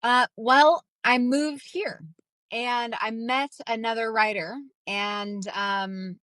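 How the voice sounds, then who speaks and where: A young woman from Minnesota in the United States, appearing as a ghostwriter guest, gives casual interview answers in a fairly high, slightly bright voice with a steady tone and slow pace. She rambles, uses many fillers and restarts, and acts out quoted voices. There's no room sound.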